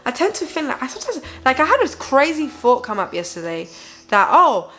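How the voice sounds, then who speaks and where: In a high, sing-song, slightly bright voice delivered briskly, a weary young mother of a baby vents to her vlog audience. She's candid and emphatic about her feelings, checking in with viewers in this casual confessional chat.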